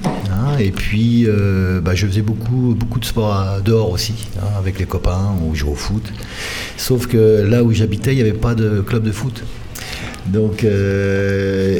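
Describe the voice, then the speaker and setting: In a radio studio, a middle-aged man from France's Paris region is interviewed as a handball coach. He answers conversationally, frequently hunting for the right words. His voice is low and mellow, with slight background noise.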